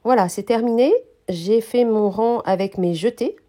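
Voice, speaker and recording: A woman teaching a knitting technique, explaining each step calmly with frequent hesitations, her voice slightly nasal from a cold. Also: on the high side. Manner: calm, hesitant explaining with many pauses. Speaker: knitting instructor. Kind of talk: knitting tutorial.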